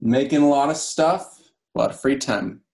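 A man's voice: medium pitch, normal speed, darkish tone, rough recording. A man guest on a casual podcast, talking in an easygoing way. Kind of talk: casual chat.

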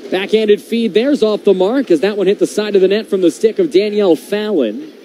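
High-voiced male hockey play-by-play announcer. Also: brisk, mellow. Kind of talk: brisk sports commentary. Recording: noisy rink broadcast audio.

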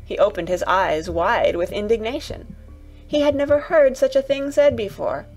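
A woman narrating a classic children's audiobook in a calm, even storytelling voice. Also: on the high side, moderate pace, soft background music, poor audio.

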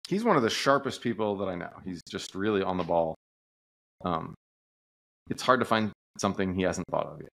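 A man hosting a podcast over a video call, cutting in with quick questions. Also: sits low, expressive, vocal fry, a bit bright, poor audio. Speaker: podcast host. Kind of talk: casual interview chat.

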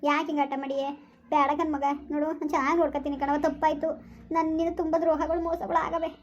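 A woman's voice: sits high, level tone, quick pace, lo-fi sound, slight background noise, close to an everyday voice. A woman acting a remorseful village stepmother who begs her stepdaughter to forgive her, in an amateur family drama. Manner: pleading, repetitive, rural colloquial speech.

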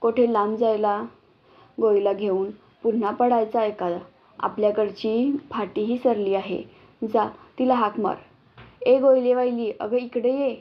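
A woman voicing a gentle, caring village mother in a storybook reading, recorded lo-fi. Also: on the high side, fairly even intonation, a little slow, close to an everyday voice. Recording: dull lo-fi recording.

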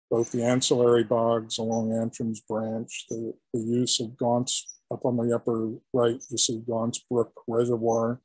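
An older man, a historian, giving an illustrated lecture in a halting, explanatory way with frequent restarts. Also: mid-range voice, darkish tone, husky, dry recording, low-quality recording. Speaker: historian giving a guest talk.

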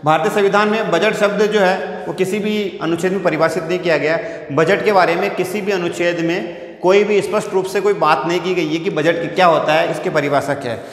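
A school teacher from India lectures his class at a whiteboard, repeating phrases and posing rhetorical questions in a high-pitched, steady, fairly quick voice. He wears a clip-on lapel microphone in an indoor classroom, and the room sounds echoey and reverberant.

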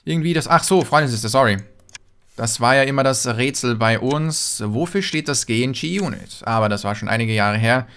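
A man's voice: normal speed, a bit bright, clean tone. A man doing casual gaming commentary, chatting and answering viewer messages as a let's player. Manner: chatty, jumps in pitch when reading names.

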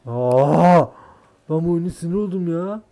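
A young man commentating his gameplay, sick with a worn voice, swearing in frustration and bursting into shouts. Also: medium pitch, steady tone, normal speed. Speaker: gaming YouTuber.

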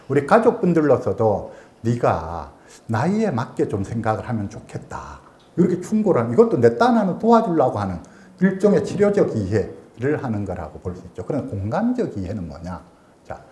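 A man, a psychologist giving a lecture and acting out quoted thoughts in a raised voice. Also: medium pitch. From South Korea. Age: 60s. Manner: acts out quoted thoughts in raised voice, lively explanatory. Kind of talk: lecture on empathic listening. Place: lecture hall.

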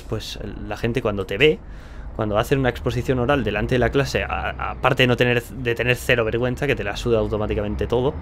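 Young male gaming YouTuber from Catalonia, mid-pitched voice, loose rambling delivery, casual gameplay chat with faint background noise. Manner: chatty, rambling, lots of "tío".

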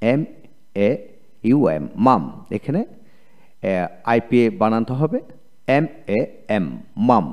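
A man with a Bengali accent teaches English spelling in a video lecture. He talks slowly and repeats each word, spelling it out one letter at a time. His voice sits a little low but rises and falls widely as he drills. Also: darkish tone. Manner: slow, repetitive letter-by-letter drilling.

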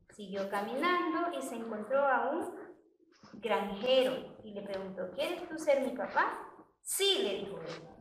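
A woman teacher telling a story to young children, animated and asking them questions. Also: on the high side, background noise. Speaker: preschool teacher. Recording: echoey room, distant mic.

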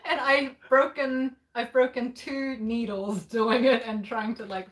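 A woman co-hosting a relaxed home livestream, talking in a slightly high, bubbly voice. She reads viewer comments aloud and laughs easily between remarks. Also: unhurried. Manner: giggly, bubbly, laughs often. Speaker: livestream co-host. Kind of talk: casual livestream chat reading comments. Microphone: laptop setup at home.

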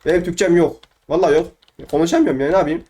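Fast-talking boastful young man gaming. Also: a little high, mellow. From Turkey. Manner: boastful, teasing, repeats himself. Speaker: gamer. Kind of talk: casual gameplay commentary.

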